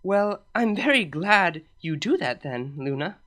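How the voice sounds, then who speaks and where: A woman's voice: fairly low pitch, big pitch swings, a little slow, a bit bright. Celestia, a woman doing an exasperated princess. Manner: exasperated, sighing, polite. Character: regal, exasperated alicorn princess, adult mare.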